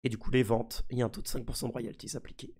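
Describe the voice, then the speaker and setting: A man with a husky, gravelly voice, sick, giving casual live commentary as a mischievous streamer. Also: mid-range voice, fairly even intonation, rapid-fire, darkish tone. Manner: mischievous, trolling his community. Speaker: streamer presenting a crypto NFT project.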